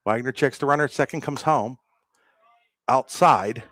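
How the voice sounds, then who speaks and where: A man's voice: medium pitch, unhurried, a bit bright. Guy calling a hs baseball game live, kinda winded, chatty and casual, dry sound no room echo. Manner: conversational, apologetic asides between calls. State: a little out of breath. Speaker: play-by-play announcer. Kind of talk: live baseball play-by-play commentary.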